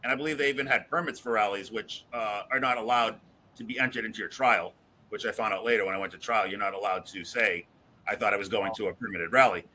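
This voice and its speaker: A man's voice: fairly low pitch, quick pace, sharp tone, a little hiss or hum, low-quality recording. A man from the Boston area, a guest in an interview, telling his story frankly and chattily and laughing through anecdotes. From Boston area, USA. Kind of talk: casual conversational storytelling.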